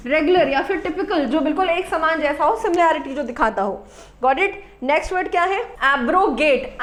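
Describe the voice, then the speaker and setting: A woman's voice: high voice, reverberant. A woman teacher explaining English vocabulary to students. She asks questions and answers them herself, mixes English words into her explanations, and checks in with "Got it?". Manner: repeats "Got it?" to check understanding. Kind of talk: vocabulary lesson.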